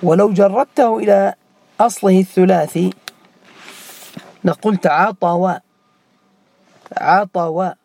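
A man's voice: high voice, fairly even intonation, slow pace, vocal fry, long pauses, a little mellow, no room sound. A man teaching a classroom grammar lesson, repeating key words and quizzing students by name.

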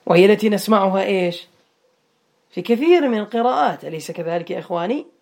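A man's voice: high-pitched, expressive, fast, creaky, a little mellow. Male teacher drilling students online. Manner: quizzes students by name, repeats words for drilling. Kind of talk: online Arabic grammar lesson.

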